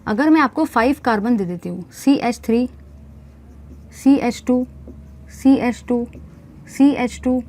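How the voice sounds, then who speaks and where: High-voiced woman teaching chemistry. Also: slow, long pauses, darkish tone. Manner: repeats questions and answers them herself, coaxing; addresses students as bhai and guys. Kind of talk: classroom lecture to students.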